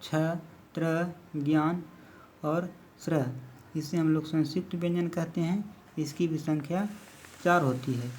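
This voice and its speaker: A man's voice: on the high side, fairly even intonation, unhurried, darkish tone, slight background noise. A man teaching a basic grammar lesson, explaining step by step and counting letters aloud.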